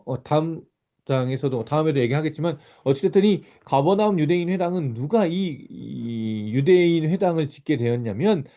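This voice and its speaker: A man's voice: medium pitch, mellow, lo-fi sound. A middle-aged man, a pastor, teaching a church Bible class over slides in an explanatory way, often restarting words and using fillers.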